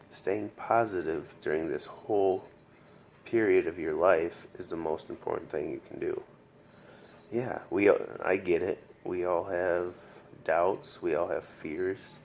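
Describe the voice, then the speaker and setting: Very deep, weary man, slow and halting. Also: gravelly, a little mellow. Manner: earnest, halting, repeats himself. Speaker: patient sharing his recovery story. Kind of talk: casual video diary with advice. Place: hospital room. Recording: noticeable background room noise.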